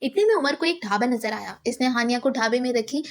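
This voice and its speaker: A woman reading a novel aloud as an audiobook narrator, steady and measured. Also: fairly high pitch.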